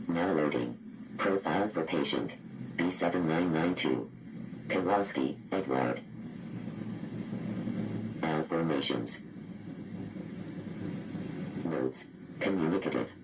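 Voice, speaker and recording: Poor audio with a little hiss or hum carries a man's low-pitched, lightly acted voice. He portrays a cold, clinical computer system reading horror patient files in clipped, impassive fragments for a scripted horror database readout.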